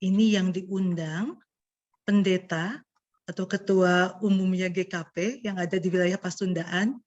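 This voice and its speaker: Indonesian woman speaker with soft, unrolled r. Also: fairly low pitch, fairly even intonation, unhurried. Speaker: guest speaker, pastor. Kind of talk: warm-up and presentation to an online audience, interactive. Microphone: video call. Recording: dull lo-fi online call audio.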